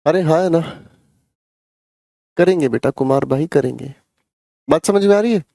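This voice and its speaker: A man's voice: on the high side, normal speed, creaky, dark tone, no echo, studio quality. A man teaching English grammar in a live online class, chatty and teasing, calling his students son and brother. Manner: chatty, teasing, addresses students as beta and bhai.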